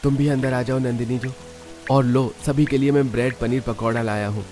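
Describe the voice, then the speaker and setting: A man voicing a poor, gentle village father who talks earnestly and with hope. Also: mid-range voice, steady tone, a little fast, faint music behind, lightly acted. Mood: joyful.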